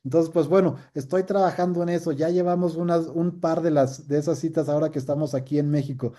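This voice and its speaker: A middle-aged pastor teaching a casual Bible class, chatty and jokey, acting out little quoted scenes. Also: male voice, on the high side, steady tone, fast talker, dark tone.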